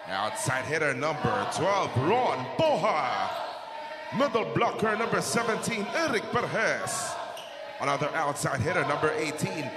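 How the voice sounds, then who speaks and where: A man working as an arena announcer, making formal introductions and drawing out names with emphatic, booming shouts. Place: large indoor sports arena over PA. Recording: echoey sports hall with loud crowd noise.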